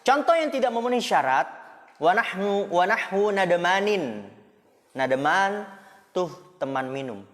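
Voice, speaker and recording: This Islamic school teacher pitches his voice high and keeps it very animated, fairly bright, and unhurried. He is teaching students Arabic grammar in a relaxed way, with jokes and rhetorical questions, inside a boarding school classroom that gives the audio a long hall reverb.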